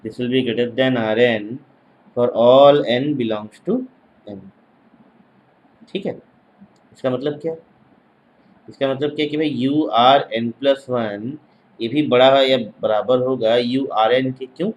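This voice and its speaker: A man's voice: medium pitch, steady tone, takes it slowly, long pauses, dull audio. A male mathematics teacher giving an exam-prep lecture, repeating each phrase as if dictating and checking in with short tag questions.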